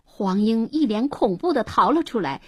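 A woman telling a dramatized story on the radio, voicing the characters' lines herself and rising to shouts in the tense moments. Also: a little high, animated, normal speed, husky, dry recording, clean studio sound. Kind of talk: dramatic story narration with voiced dialogue.

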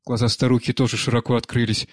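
A man narrating an audiobook in a measured, steady reading. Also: medium pitch, dry recording, studio quality. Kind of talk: scripted narration.

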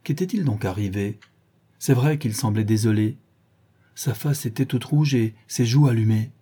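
A man narrating a classic novel as an audiobook in a measured, literary manner. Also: mid-range voice, dark tone, slightly rough. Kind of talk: scripted narration.

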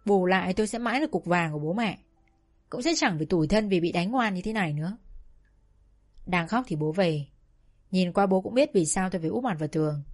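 A woman narrating a personal childhood story in a calm, reflective, confiding way. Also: fairly low pitch.

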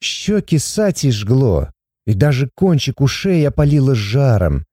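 A man reading a novel aloud as an audiobook narrator, expressive and measured. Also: medium pitch, no echo, studio quality. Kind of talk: scripted narration.

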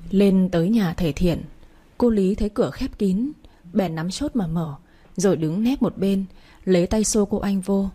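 A woman narrating a novel as an audiobook reader, in an even storytelling manner. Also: medium pitch, normal speed. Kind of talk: novel reading.

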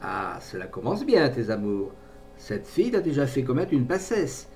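A man voicing a bitter, jealous, domineering middle-aged mother in an indignant, scornful tirade, recorded from a distant mic with faint rumble. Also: very animated, moderate pace, darkish tone.

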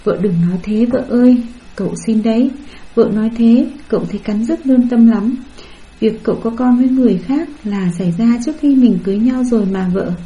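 Brief: woman doing a contrite young husband, coaxing and pleading, very dark and mellow tone, dull lo-fi sound. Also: fairly high pitch, a little fast, lightly acted. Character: remorseful young husband pleading with his wife.

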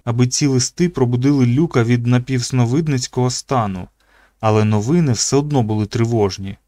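A man's voice: mid-range voice, darkish tone, dry recording. Male audiobook narrator, dry close sound. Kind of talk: scripted narration.

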